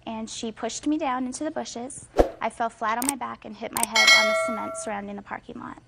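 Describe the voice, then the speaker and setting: A young woman gives her side in court in a measured, matter-of-fact way. Her voice is gravelly with vocal fry and sits a little high. Heavy noise runs under the recording. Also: steady tone. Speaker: plaintiff. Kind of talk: testimony in court. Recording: noisy TV courtroom audio.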